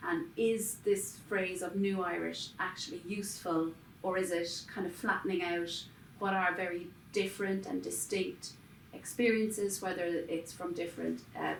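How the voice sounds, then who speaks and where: A woman's voice: on the low side, gravelly, slight background noise. A woman from the audience carefully posing a probing question to a panel. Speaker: audience member asking a question. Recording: echoey room, far from mic.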